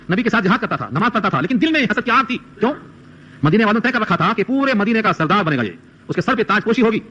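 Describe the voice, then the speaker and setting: A man's voice: sits high, pushed and bright. A man giving a Quran commentary lecture, reciting Arabic verses and explaining them in Urdu with rhetorical questions. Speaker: Quran teacher.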